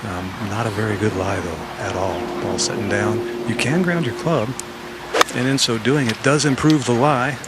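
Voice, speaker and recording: Low-voiced male golf commentator, noisy outdoors. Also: fairly even intonation, normal speed. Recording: loud outdoor noise.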